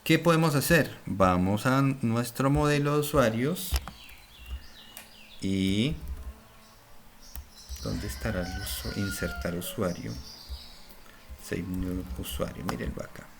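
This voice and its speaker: A man walks through a coding lesson in a lowish voice, narrating each step as he types and often checking that viewers follow. Keyboard typing and mouse clicks sit behind him, over clear background noise on a home recording. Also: expressive, slow pace, long pauses. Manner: thinks aloud while typing, frequent "¿cierto?" check-ins. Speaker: programming instructor. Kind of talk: screen-recorded coding tutorial.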